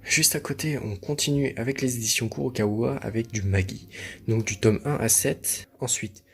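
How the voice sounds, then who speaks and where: A man hosting his own video, chatting casually and showing off his collection, relaxed and full of hesitations and fillers. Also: mid-range voice, moderate pace, gravelly, faint music behind. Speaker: manga collection video host.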